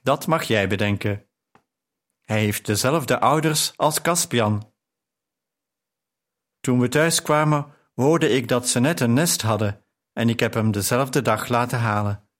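A male audiobook reader voicing a charming young husband with a teasing, relaxed way of talking. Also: mid-range voice, measured pace, long pauses, close to an everyday voice. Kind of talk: audiobook character reading.

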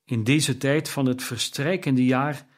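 A man reading aloud and voicing the ghost of a dead business partner, mournful and lamenting in a slow, declamatory way. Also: medium pitch, steady tone, a little hiss or hum, lightly acted.

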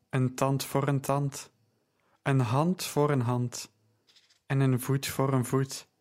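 A man narrating an audiobook in a calm, deliberate reading voice. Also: medium pitch.

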